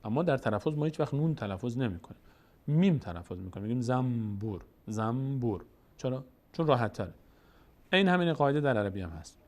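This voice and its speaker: A man with a Tajik accent teaching Quran reading rules step by step, patient and explanatory, sounding out syllables and repeating key points. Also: lowish voice. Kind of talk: step-by-step tutorial.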